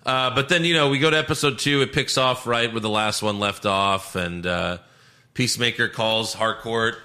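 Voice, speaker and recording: Man, podcast co-host, casual chat, bright tone, recaps with laughs. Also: mid-range voice. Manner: recaps scenes with quick acted quotes, laughing often. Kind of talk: casual chat reviewing TV episodes.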